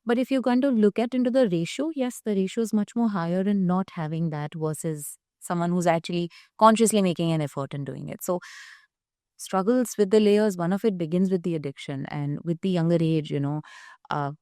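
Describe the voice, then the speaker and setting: Low, mellow Indian-accented woman psychologist. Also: fairly quick, no room sound, clean studio sound. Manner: explanatory, frequent "you know" tags. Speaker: guest psychologist. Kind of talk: conversational interview answers.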